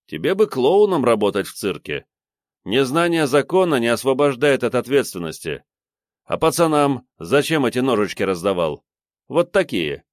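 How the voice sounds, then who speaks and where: Sly investigator, mocking and coaxing, lively intonation, voiced by a male reader; low-ish, dry close sound. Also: normal speed, no echo, lightly acted. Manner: ironic, smooth, coaxing.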